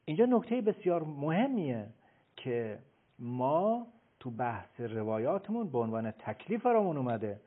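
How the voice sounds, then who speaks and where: A man explaining as a guest expert on a radio talk show, emphatic and lecturing, often pausing on filler sounds. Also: medium pitch, sing-song. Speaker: guest expert on child behavior. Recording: phone-like radio broadcast.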